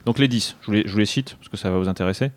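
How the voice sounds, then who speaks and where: A man's voice: lowish voice, very fast, no room sound. A man at a studio table co-hosting a board game radio show. He reads out the news in a casual, joking way. He restarts his sentences often.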